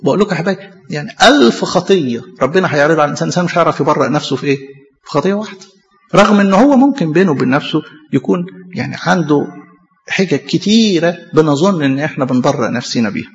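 Fast, gravelly Egyptian preacher. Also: male voice, fairly high pitch, lively intonation. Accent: Egyptian Arabic. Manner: emphatic, poses rhetorical questions and answers them. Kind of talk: sermon. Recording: echoey hall, dull lo-fi sound.

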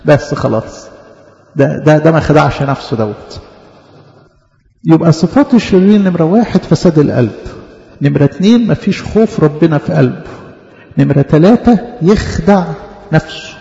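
Gravelly Egyptian preacher in an echoey hall. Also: male voice, a little high, expressive, a little fast, pauses often, dark tone. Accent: Egyptian Arabic. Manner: earnest, repetitive teaching cadence with acted quotations. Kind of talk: sermon. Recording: dull echoey church hall.

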